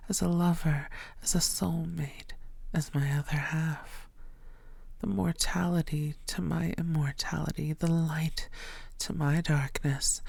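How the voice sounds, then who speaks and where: In an intimate ASMR audio roleplay, a woman voices an ancient, seductive female vampire who is lovestruck and possessive, murmuring tenderly in breathy tones that often drop to whispers. Her voice is low-pitched and a little mellow, heavily acted with no echo, and full of possessive longing.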